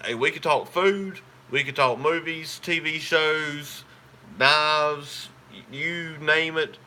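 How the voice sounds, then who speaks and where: A man's voice: fairly high pitch, fairly even intonation, takes it slowly, pushed and bright. A man, hosting a casual live stream and chatting with viewers in a rambling, talkative way.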